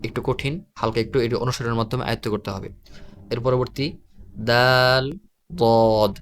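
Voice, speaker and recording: A man teaching how to pronounce Quran letters in a recorded online lesson, explaining slowly and patiently and repeating each letter sound. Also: medium pitch, little pitch movement.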